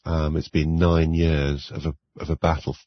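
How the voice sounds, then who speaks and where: A male investigative journalist speaks over a dull remote line in a very low, flat voice. He restarts his phrases often. His voice is slightly husky. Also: a little slow. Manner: repetitive restarts, serious.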